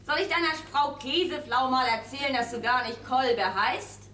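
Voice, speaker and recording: A woman's voice: high-pitched, moderate pace, pushed and bright. An actress playing a clingy, theatrical young woman who pleads and weeps in a stage comedy, heard from afar on an echoey stage. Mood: dramatic. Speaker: Olga, jilted girlfriend. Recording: echoey stage from far off, noisy hall.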